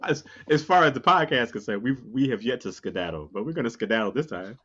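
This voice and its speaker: A man's voice: mid-range voice, animated, fast talker, sharp tone, husky. Musing man on a dull lo-fi recording. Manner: musing, opinionated, talks in rhythmic repeats. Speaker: podcast co-host. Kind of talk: casual chat.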